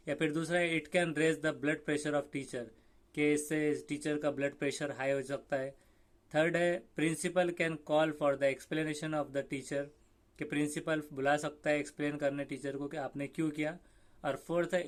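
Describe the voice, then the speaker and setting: A man with an Indian accent, a teacher who reads out English exam questions slowly and then explains each one in Hindi. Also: a little high, a bit bright. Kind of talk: explaining mock test questions.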